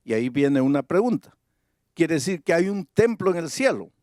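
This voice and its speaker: A man preaching a sermon, reading Bible verses slowly and deliberately and building to emphatic high points. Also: very animated, darkish tone, no echo, clean studio sound.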